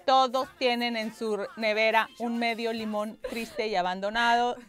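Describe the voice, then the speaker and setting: On a bright studio set, a woman in her thirties with a highish, fairly bright voice hosts a lighthearted review of the kitchen gadgets spread on her table. As a lifestyle host she keeps up sassy asides, asking and answering her own questions. Her lapel mic sits against background music.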